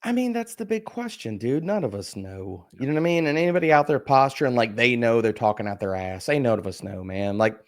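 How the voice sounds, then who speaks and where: A man's voice: medium pitch, lively intonation, brisk, hardly any pauses. A man in casual podcast chat as a fantasy football analyst, ranting emphatically with profanity and rhetorical questions.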